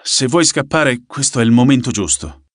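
Audiobook: defiant young woman, scornful, bites back fast; voiced by male reader, dry close sound. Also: mid-range voice, animated, dry recording, close to an everyday voice. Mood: bitter. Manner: scornful, quick to bite back. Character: defiant sharp-tongued young woman singer.

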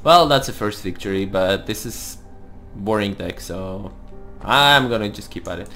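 A man with a slightly deep voice gives casual gameplay commentary. He thinks aloud as he goes, with faint music underneath. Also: expressive, unhurried, bright, forceful tone. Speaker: host of a card game let's play series.

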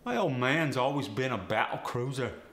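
A man's voice: mid-range voice, lively intonation, normal speed, a bit bright. A man voicing a cheeky working-class Cockney bloke with a Cockney accent, punchy and colloquial, acting out example sentences for a slang lesson. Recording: roomy echo, faint background noise.

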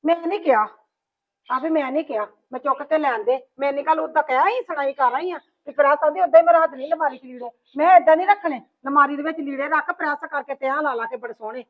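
A woman's voice: sits high, fast, hardly any pauses. A woman playing a complaining mother-in-law in a family drama, scolding as she talks. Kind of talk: amateur family drama acting. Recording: dull lo-fi recording.

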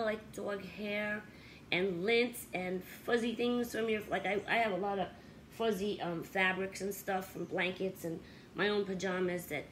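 A woman's voice: a little hiss or hum, low-quality recording. A middle-aged woman casually reviewing a laundry gadget to camera at home, chatty and upbeat, with fillers. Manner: chatty, upbeat, with fillers; high baby-talk when calling her dogs. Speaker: pet channel host. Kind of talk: casual product review vlog. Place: home bedroom with dog beds, indoors.

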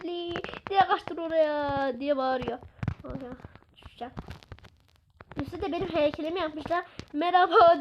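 A woman giving chatty let's-play commentary to her viewers, excitable and exclaiming, scolding the game aloud. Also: high-pitched, a little hiss or hum. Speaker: gaming video creator.

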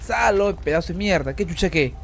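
A man streaming a game, swearing a lot and talking loud and frantic. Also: high-pitched, lively intonation, brisk, gravelly, soft background music. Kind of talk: casual gaming stream chat.

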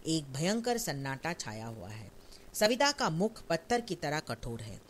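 Play reader, lively pitch, quiet and lower for the stage directions. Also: a little slow. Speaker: audiobook reader. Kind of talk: reading a stage play aloud.

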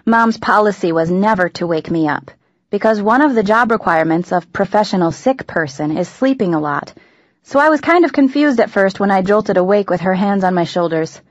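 A woman narrating an audiobook in the first person, in a wry, deadpan manner. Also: medium pitch, a little fast, no echo, highs cut off. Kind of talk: scripted narration.

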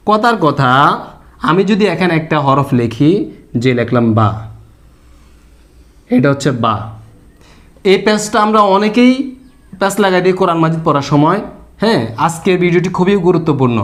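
কুরআন পড়া শেখানো এক পুরুষ শিক্ষক, যিনি ধৈর্য ধরে ব্যাখ্যা করেন, একই কথা বারবার বলেন এবং প্রশ্ন করে নিজেই উত্তর দেন।. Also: male voice, a little high. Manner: explains patiently, repeating points and asking rhetorical questions. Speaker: Quran reading teacher. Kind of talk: lesson.

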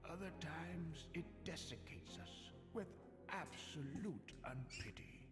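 Give the cutscene a solemn old man, portentous and cryptic. His aged voice moves very slowly and rises and falls dramatically. It rings in a long reverb over loud music. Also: fairly high pitch, lively intonation. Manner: slow, theatrical, portentous delivery. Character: cryptic child twins speaking in a solemn old man's voice. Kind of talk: scripted video game cutscene.

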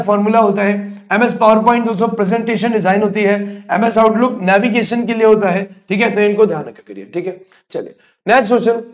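High-voiced male exam teacher. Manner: quizzing students, answering his own questions; blunt, scolding students. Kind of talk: online exam coaching lecture.

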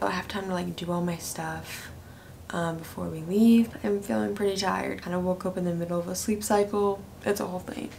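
A woman's voice: lowish voice, vocal fry, darkish tone, slight background noise. A young woman chatting casually to camera in a vlog, filling her talk with "like", recorded on a handheld phone. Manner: chatty, constant "like" fillers. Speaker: vlogger.

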